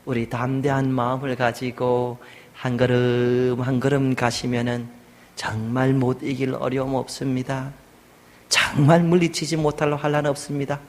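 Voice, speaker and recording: A man preaching a sermon as senior pastor, moving from quiet, joking talk to loud, shouted prayers. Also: medium pitch, flat delivery, moderate pace, long reverb tail. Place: church sanctuary.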